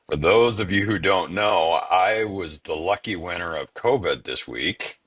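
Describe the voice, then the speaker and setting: A male podcast co-host with a hoarse, scratchy voice after being ill, chatting casually and laughing easily. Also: a bit bright, no echo. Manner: laughs easily, slow and low. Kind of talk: casual chat.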